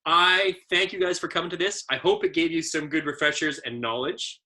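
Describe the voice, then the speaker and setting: Bright-voiced man giving ski training talk. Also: on the high side, steady tone, a little fast. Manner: easygoing storyteller with many fillers. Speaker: adaptive ski instructor trainer. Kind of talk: casual training presentation.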